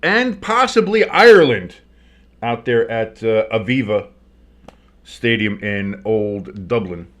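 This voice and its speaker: A man's voice: fairly low pitch, lively intonation, slow pace, a bit bright. A man with a tinny sound, recorded in a kitchen, hosting a stream with play-by-play commentary and casual, blunt, sardonic chat. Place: kitchen, not a studio.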